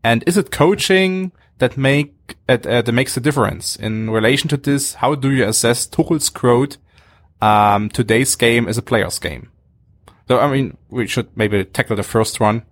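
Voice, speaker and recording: A man's voice: medium pitch, moderate pace, no room sound. A man hosting a podcast, reading out listener questions hesitantly with many fillers. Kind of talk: casual podcast chat.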